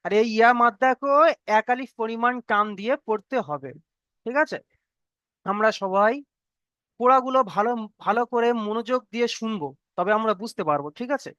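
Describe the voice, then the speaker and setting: An online Quran reading teacher who goes over each letter rule slowly. The teacher repeats every point several times and keeps checking that the students follow. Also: mid-range voice, expressive, fairly bright tone, no room sound, highs cut off. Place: online video class, students on mute.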